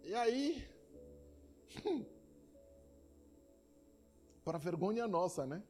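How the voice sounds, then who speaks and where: A man's voice: high-pitched, sing-song, extremely slow, a little mellow, soft background music. A man with a Brazilian Portuguese accent preaching a sermon as pastor, emphatic and repeating words for effect while telling stories.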